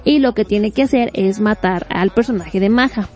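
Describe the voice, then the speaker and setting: A woman casually recapping a webtoon plot, animated and full of fillers. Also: mid-range voice, moderate pace. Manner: animated, acts out quotes, fills with este.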